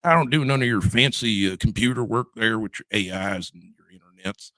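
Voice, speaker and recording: A man voicing a gruff rural male tractor driver who scoffs at computers, in a folksy put-on drawl. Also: fairly low pitch, brisk, pushed and bright, dry recording. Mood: scoffing. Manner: dismissive, mocking.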